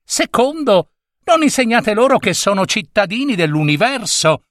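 Man voicing a tiny alien chick commander, bossy, self-important, high pitched, leaping tone. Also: sing-song, normal speed, no echo, studio quality. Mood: lecturing. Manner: lecturing, sharp and self-important.

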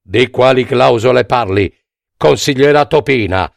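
Man playing a pompous male mouse chairman, rhetorical and impatient, slow gravelly delivery for a storybook. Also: mid-range voice, no echo. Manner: rhetorical, exhorting.

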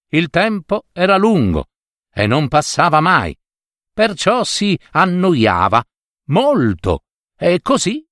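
A man narrating a fable in an expressive, theatrical storytelling style. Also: mid-range voice, dry recording, studio quality. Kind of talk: scripted storytelling.

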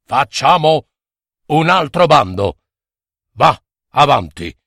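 A man's voice: fairly high pitch, big pitch swings, takes it slowly, creaky, a bit bright, no echo, clean studio sound, full character voice. A man voicing a short-tempered old king who bellows his orders. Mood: irritated.

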